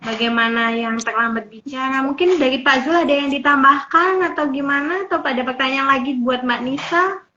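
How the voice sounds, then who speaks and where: Casting: woman host, high bright voice, chatty, lo-fi sound with faint hum. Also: fairly quick. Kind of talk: talk show hosting.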